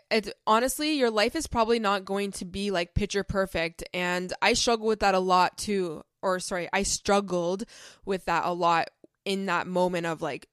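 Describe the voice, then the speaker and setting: Young woman podcast host, earnest and heartfelt, casual advice talk, smooth lowish voice, dry close sound. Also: fairly bright tone, dry recording. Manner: earnest, heartfelt, filler-heavy with many "like"s.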